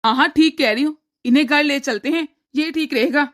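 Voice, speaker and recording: A woman's voice: high-pitched, a little fast, fairly bright tone. A woman voicing a caring young cartoon husband. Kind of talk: cartoon voice acting.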